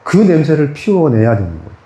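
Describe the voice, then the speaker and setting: Man preaching, conversational, mellow tone, slightly high voice, echoey church room. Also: sing-song, fairly quick, a little hiss or hum. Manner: conversational, asks the congregation questions. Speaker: pastor. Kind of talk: sermon. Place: small church.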